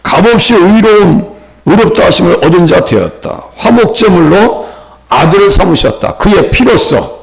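A middle-aged pastor from Chungcheong preaches in a lively voice that climbs and falls widely. His slight Chungcheong accent colors a chatty sermon full of questions to the congregation, with a gravelly edge to his somewhat high voice. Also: moderate pace. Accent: Chungcheong Korean. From Chungcheong, Korea. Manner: conversational preaching with rhetorical questions.

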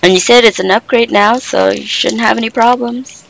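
A man's voice: very high-pitched, steady tone, moderate pace, creaky, a bit bright, slight background noise. A man streaming a co-op game, chatting casually and explaining settings to a friend. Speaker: gamer streaming co-op play. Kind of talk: casual gaming chat.

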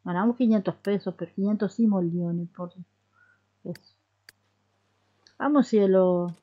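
A woman's voice: medium pitch, measured pace. Rioplatense gamer lady chatting thru her game, sweet coaxing tone, muffled lo-fi mic. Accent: Rioplatense Spanish. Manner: coaxing, chatty, talks to her characters like babies. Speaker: gaming YouTuber. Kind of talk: casual let's-play commentary.

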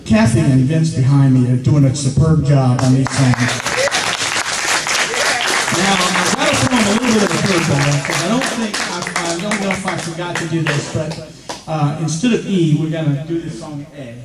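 A man's voice: on the high side, moderate pace, very noisy. Joking middle-aged man on a live stage. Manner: joking, rambling, friendly. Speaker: gig host and guitarist. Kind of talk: casual stage banter between songs. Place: stage in a large, echoing room at a gospel venue. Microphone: stand mic, heard through the PA from a distant camera. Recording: echoey, distant live room recording. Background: guitar playing and audience chatter.

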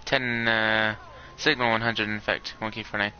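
A man's voice: lowish voice, flat delivery, normal speed. A man playing a police officer in a game roleplay, calling in over the police radio in clipped codes and repeating his call sign. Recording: dull lo-fi mic with faint noise.

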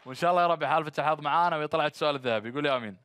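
A man's voice: on the high side, very fast, noisy background. A man with a Gulf Arabic accent hosting a TV phone-in quiz, bantering with callers and encouraging them with blessings. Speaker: game show host. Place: small studio set dressed as instrument shop. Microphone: headset microphone.

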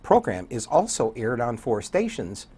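In a small indoor TV studio, a radio program director in his sixties appears as an interview guest and tells stories in a rambling, conversational way. His mid-range voice is warm and husky, unfolding at a measured pace with huge pitch swings.

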